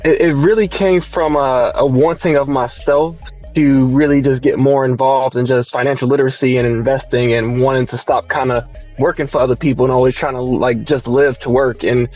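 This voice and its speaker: A man in his twenties, a podcast co-host, chatting casually with quick, loose talk full of fillers. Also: mid-range voice, steady tone, darkish tone, lo-fi sound, faint music behind. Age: 20s. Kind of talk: casual chat.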